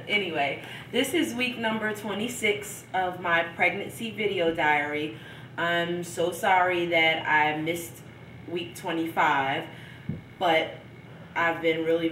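Unhurried young woman, stuffed up. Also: deep voice, steady tone, fairly bright tone, recorded from a distance, slight background noise. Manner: chatty and loose, laughing between thoughts. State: stuffed up with a cold. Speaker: vlogger. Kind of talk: casual video diary. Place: at home. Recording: echoey room, from off the mic.

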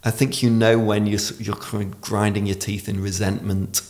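A man's voice: lowish voice, level tone, moderate pace, a little mellow. A man in his forties who pronounces r as w, explaining reflectively in conversation as a podcast guest. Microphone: podcast microphone on desk stand.

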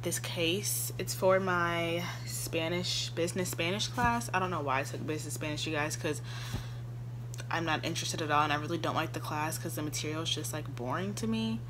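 A woman's voice: low-pitched, a little fast, noisy background. Chatty young woman vlogging casually. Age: young adult. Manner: rambling, chatty, laughs easily. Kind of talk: casual chat.

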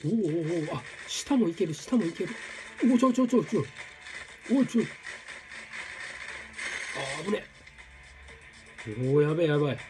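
A man commentating his own gameplay, exclaiming and repeating words in quick bursts. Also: a little high, animated, over music. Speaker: game streamer. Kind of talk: excited let's-play commentary.

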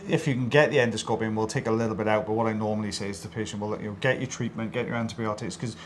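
A middle-aged audiologist from South Wales co-presents a procedure video, joking casually and speaking straight to viewers in his South Welsh accent. His voice is on the low side with fairly even intonation, he races along, and there's slight background noise.

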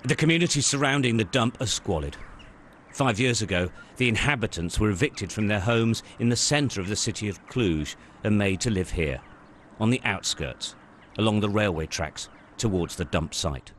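An older man reporting and narrating a news report in a measured, grave way. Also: lowish voice, expressive, fairly bright tone, slight background noise.

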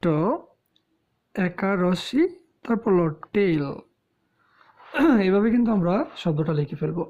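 A woman with a Bangladeshi Bengali accent teaching English pronunciation, explaining slowly with pauses and fillers. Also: fairly low pitch. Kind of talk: spoken lesson. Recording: dull lo-fi sound.

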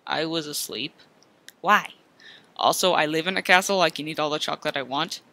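A woman voicing a quiet, deadpan, unbothered boy in a cartoon comedy skit. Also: sits low, a little fast. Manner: deadpan, quiet, flat delivery. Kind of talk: animated comedy skit dialogue.

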